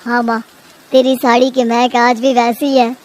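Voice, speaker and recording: A woman voicing a meek young husband in a cartoon, in a mild, lowered voice. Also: level tone, measured pace, natural voice. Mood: content.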